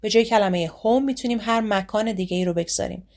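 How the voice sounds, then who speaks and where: A woman with a Persian accent teaching an English grammar lesson, explaining quickly and reading English examples slowly and clearly. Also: medium pitch, darkish tone.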